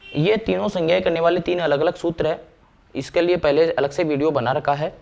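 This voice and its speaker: A man explaining grammar step by step, slowing down to recite verses and sounds. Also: fairly high pitch, fairly even intonation, creaky, a little mellow, highs cut off. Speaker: Sanskrit grammar teacher. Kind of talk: classroom lecture.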